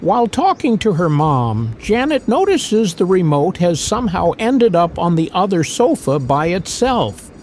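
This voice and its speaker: A man reads a scripted movie recap in a high voice that swoops widely up and down. He takes his time and moves through the plot scene by scene in a plain storytelling manner. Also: sing-song, a little slow, few pauses, a little mellow, slight background noise.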